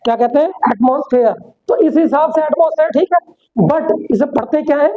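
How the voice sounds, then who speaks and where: A woman teaching an English pronunciation lesson, mixing Hindi and English, repeating words and asking the class questions. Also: high-pitched. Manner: repetitive, asks the class questions; slows down sharply for English sentences. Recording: dull, lo-fi sound.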